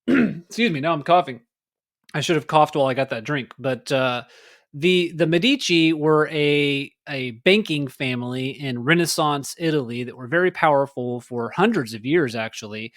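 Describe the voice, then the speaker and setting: A man's voice: mid-range voice, fairly bright tone, dry recording, studio quality. Rambling man hosting a solo podcast. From Texas. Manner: rambling, conversational, many fillers and restarts. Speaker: podcast host. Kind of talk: casual solo political talk.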